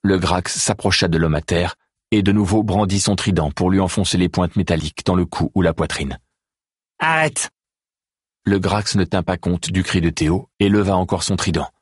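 A man narrating a dark novel in a measured, even audiobook reading. His voice is very deep and husky, and the recording is close and completely dry. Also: dry recording. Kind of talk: scripted narration.

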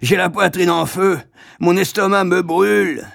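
A man's voice: sits high, fairly even intonation, unhurried, creaky, fairly bright tone, dry recording, studio quality, voice pushed up, full character voice. A man voicing a young suitor who thinks he has been poisoned, gasping and whining. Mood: panicked. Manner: gasping, whiny, breathless. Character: choking, panicked young man, self-important suitor.

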